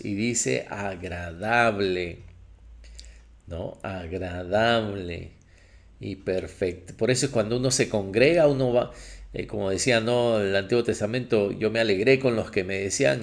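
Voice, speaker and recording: Pastor guy preaching, slow and drawn out, gravelly voice, acts out the voices of people he quotes. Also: fairly low pitch. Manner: animated preaching, acting out quoted voices, many restarts. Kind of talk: sermon.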